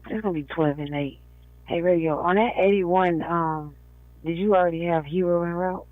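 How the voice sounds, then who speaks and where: High-voiced man on police radio. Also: steady tone, moderate pace, dry recording. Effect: police radio transmission. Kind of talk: terse radio call codes. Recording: tinny narrow-band police radio, dry.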